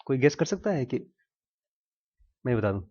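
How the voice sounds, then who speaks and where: A man giving a casual teaching talk to a small group, telling a story with pauses, questions to his listeners and frequent throat clearing. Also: mid-range voice, very animated, mellow. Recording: dull lo-fi recording.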